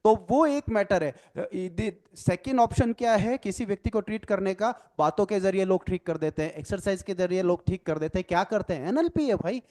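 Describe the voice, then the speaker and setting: A man's voice: sits high, animated, a little mellow. A man leading an online training lecture, explaining patiently and often checking "right?" as he slips English phrases into his talk. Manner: explains slowly, mixes English phrases into Hindi, repeats "ठीक है ना?". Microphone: video call.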